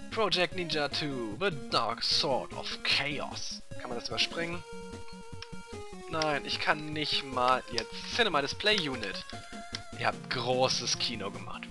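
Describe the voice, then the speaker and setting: Casting: a sarcastic let's player, lively swooping pitch, slow talk, game music underneath. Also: male voice. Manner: sarcastic, mocking. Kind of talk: gameplay commentary.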